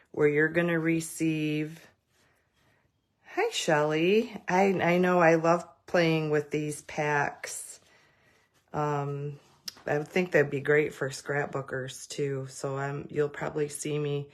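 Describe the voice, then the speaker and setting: Lady doing a live crafting demo, deep-ish voice, takes her time, rambles a bit. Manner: chatty, greets viewers by name; rambling with many fillers and restarts. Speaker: craft demonstrator.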